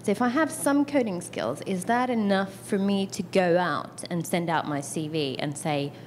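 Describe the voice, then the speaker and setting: An audience member, a woman in her thirties, puts her question at normal speed, chatting and poking fun at herself while playing out her reactions in small asides. There's a faint rumble underneath the audio.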